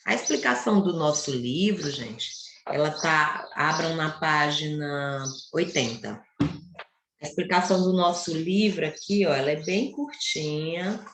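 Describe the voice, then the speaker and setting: A woman's voice: deep voice, animated, unhurried, reverberant, noisy background. A woman teaching a primary school class online, explaining step by step and asking the children rhetorical questions.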